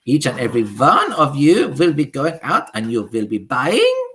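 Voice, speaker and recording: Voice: medium pitch, huge pitch swings, normal speed, a bit bright, pitched above the performer's own voice. A reader voicing a tiny, furious female witch leader who screeches and speaks with odd foreign-sounding grammar, in an audiobook. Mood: commanding. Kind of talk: audiobook character voice.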